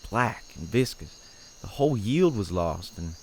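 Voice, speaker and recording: A man acts the part of a troubled farmer in an audio horror play, hesitant, folksy and understated, in a grim, resigned mood. His lowish voice is sing-song, a little mellow and measured, and insect-like ambient noise runs behind the lines.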